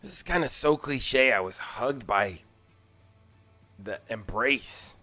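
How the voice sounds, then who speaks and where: Dying wise young woman played by a man, soft farewell, tabletop game. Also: medium pitch, lively intonation, takes it slowly, faint music behind, full character voice. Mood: wry. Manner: soft farewell speech, wry.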